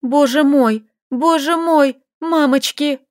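A woman reading an audiobook voices a frantic young woman, shrill and panicked. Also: slow, no echo, clean studio sound. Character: panicky young woman facing monster flowers.

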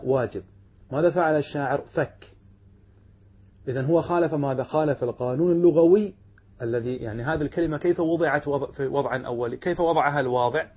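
A man's voice: medium pitch, breathy edge. A male teacher giving a classroom lesson, explaining a text and asking his students questions that he answers himself. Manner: reads quoted passages slowly and deliberately. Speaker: teacher of Arabic rhetoric. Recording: dull lo-fi lecture recording.

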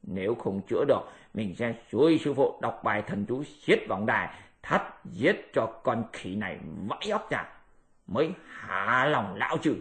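A lazy pig-monk who grumbles, whines and schemes in a mid-pitched, everyday voice, as a male storyteller puts him on. He complains about every chore and plots small revenges. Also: animated, normal speed, fairly bright tone, lightly acted. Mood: scheming.

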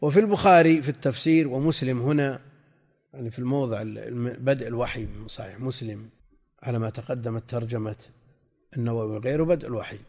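An older man teaching a classical text lesson, reading passages slowly, repeating and spelling out word forms, and putting questions to his students. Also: mid-range voice, a little mellow. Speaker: sheikh teaching hadith commentary. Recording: lecture hall with long reverb.

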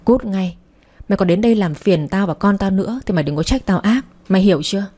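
Woman voicing a cruel man, harsh threats, mellow voice. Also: medium pitch, expressive, fast talker, close to an everyday voice. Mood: menacing.

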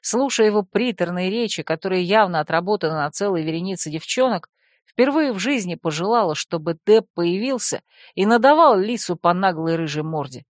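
A woman's voice: lowish voice, lively intonation, a little fast, no room sound, studio quality. Woman narrating a first-person audiobook.

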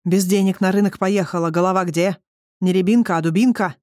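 A man's voice: high-pitched, steady tone, brisk, a little mellow, no room sound, studio quality, close to an everyday voice. A reader voicing a middle-aged man, a blunt and kindly delivery driver who teases in plain words, in an audiobook. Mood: gruff teasing. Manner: blunt teasing plain talk.

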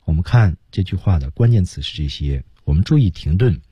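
A man teaching English on the radio with a husky, lowish voice and very lively pitch. He explains pronunciation step by step. The recording is dry and close. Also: fairly quick, dry recording, highs cut off.

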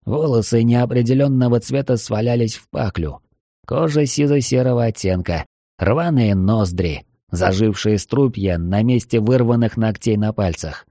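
A man narrating a fantasy audiobook in an even, measured way. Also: mid-range voice, no room sound, clean studio sound. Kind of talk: scripted narration.

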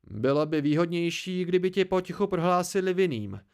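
Guy doing cranky student buddy, scolding, loud-ish, audiobook. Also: sits high, expressive, clear, resonant tone. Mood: irritated. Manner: irritated, scolding. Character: irritable blunt male student friend. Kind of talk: amateur audiobook reading.

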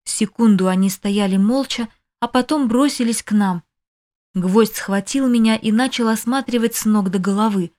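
A woman's voice: fairly high pitch, normal speed, darkish tone. Emotive woman reading an audiobook. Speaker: audiobook narrator. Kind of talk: scripted first-person narration.

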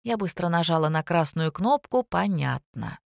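A woman's voice: fairly low pitch, animated, normal speed, vocal fry, a little mellow, dry recording, studio quality. Woman narrating a wry audiobook. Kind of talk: scripted first-person narration.

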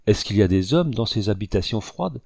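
A man's voice: fairly low pitch, lively intonation, brisk, vocal fry, darkish tone, breathy edge, dry recording, studio quality, full character voice. A man reading aloud, voicing a frightened, remorseful lost young boy who pleads tearfully. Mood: pleading tearful. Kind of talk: audiobook character reading.

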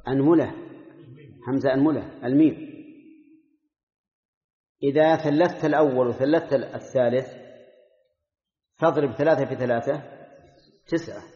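Older man, scholar running a classroom lesson, quizzes students, mellow voice, dull recording. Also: medium pitch, moderate pace, long pauses. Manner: drills pronunciations aloud, quizzes students by name. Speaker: Islamic scholar teaching a class. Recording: dull lo-fi recording in an echoey hall.

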